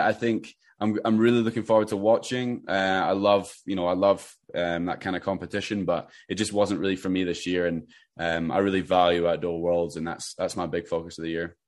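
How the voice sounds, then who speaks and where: A Scottish man in his twenties, a runner, answering interview questions in a relaxed, rambling way with many restarts. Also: sits low. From Scotland. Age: 20s. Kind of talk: casual interview.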